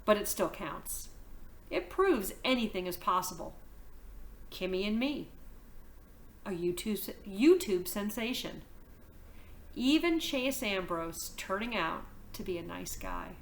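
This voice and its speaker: A woman, a teacher reading a novel aloud to her class, telling the story in a lively, expressive way. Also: mid-range voice, takes it slowly, creaky, pauses often.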